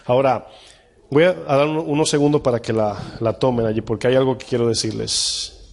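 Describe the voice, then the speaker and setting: Pastor, male, mid-pitched, conversational teaching sermon, long hall reverb. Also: fairly even intonation, brisk, vocal fry, a little mellow, a little hiss or hum. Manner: conversational teaching, asks the congregation questions. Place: church hall with live congregation.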